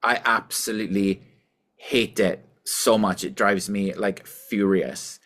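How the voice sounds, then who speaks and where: A man from Wales with a softened Welsh accent, chatting casually as a musician guest in an interview, self-deprecating and full of fillers. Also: on the low side, fairly even intonation, slow.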